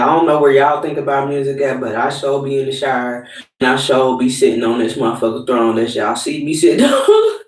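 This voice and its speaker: Loose-talking man in an echoey bathroom. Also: medium pitch. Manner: loose and profane, rambling with fillers. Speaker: host of a livestreamed talk show. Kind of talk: casual monologue to live viewers. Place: his bathroom at home. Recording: hollow echoey room, distant mic.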